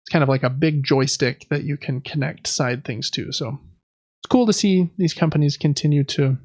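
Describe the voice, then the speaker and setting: A man runs through gaming news on a podcast he co-hosts, keeping it conversational as he loosely reads the items. His slightly high voice is a little mellow and moves at a moderate pace. The audio is dull, with no room sound.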